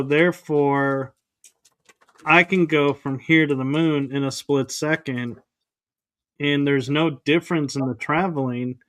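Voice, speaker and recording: Slow, smooth-voiced man explaining. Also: fairly high pitch, a bit bright, no room sound. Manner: slow, earnest, explaining step by step. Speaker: podcast guest and author. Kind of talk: casual explanation in an interview.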